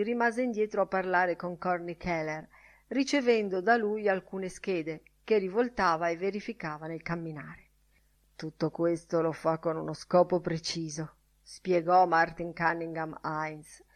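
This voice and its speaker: A woman reads a classic novel aloud in a measured, even audiobook narration. Her voice sits somewhat low, and she raises its pitch for the quoted lines of the characters. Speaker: audiobook reader.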